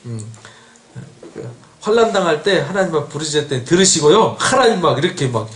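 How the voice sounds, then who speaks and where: Male pastor, middle-aged, lively preaching, high voice, echoey church hall. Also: fairly quick. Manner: animated, asks the congregation questions, acts out an angry God. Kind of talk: expository sermon. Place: church sanctuary.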